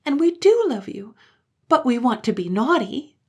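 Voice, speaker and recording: A woman's voice: big pitch swings, normal speed, husky. A woman voicing two sobbing little girls. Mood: pleading. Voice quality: high, sobbing, pleading.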